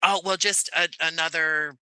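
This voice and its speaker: On a podcast, an American man from Jersey City, United States, talks reflectively as a guest; he is an audio playwright whose wordy, conversational style keeps circling back. His voice sits on the high side, steady, bright, forceful, clear and resonant, at a moderate pace. The recording is dry.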